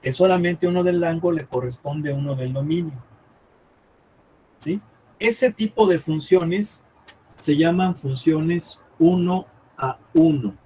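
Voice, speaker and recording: A man teaching a math class live, thinking aloud as he draws on the board and checking often with quick questions whether the students follow. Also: fairly high pitch, mellow, slightly rough, rough recording.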